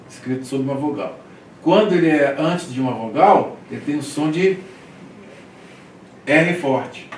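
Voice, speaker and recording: Slow, patient male Greek teacher. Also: on the high side, slight background noise. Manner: slow, patient, drills single words and checks in with "tá?". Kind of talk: classroom lesson, reading words aloud for repetition. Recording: echoey room, mic far off, faint ambience.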